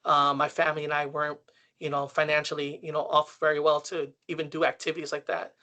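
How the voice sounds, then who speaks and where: An earnest man speaks as an interview guest. His voice sits a touch high and rings bright. He tells stories in an easy, repeating way. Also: monotone, fast. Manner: earnest, storytelling, repeats phrases. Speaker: guest, senior social club director. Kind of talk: casual interview talk.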